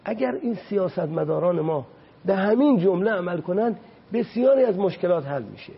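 A man preaches as a religious guest on a talk show with a husky, somewhat high voice. He climbs sharply when he drives a point home and slows right down to recite Arabic lines. The sound is dull and muffled, like an old broadcast. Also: animated. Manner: impassioned, rises sharply on points; recites Arabic quotations slowly.

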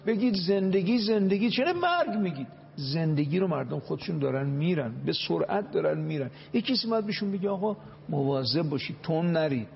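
A man's voice: a little high, sing-song, creaky, breathy edge, highs cut off. A man, a cleric on a talk show, preaching with Arabic quotations and dramatic, emphatic acted quotes.

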